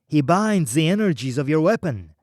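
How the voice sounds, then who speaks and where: A man's voice: on the high side, sing-song, normal speed, darkish tone, no room sound, studio quality. A man voicing a dutiful, loyal male servant in a plain, respectful way.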